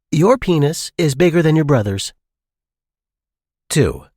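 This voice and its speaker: A man's voice: mid-range voice, darkish tone, no echo, clean studio sound. A man telling scripted dirty jokes in a leering, smutty, theatrical manner, acting out the dialogue. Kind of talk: scripted joke-telling countdown.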